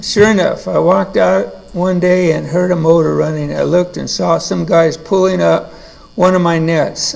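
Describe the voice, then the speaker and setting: A male preacher reads a story aloud during his sermon. His voice sits fairly high and is heavily gravelly. The long reverb of a church hall trails after every phrase. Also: darkish tone.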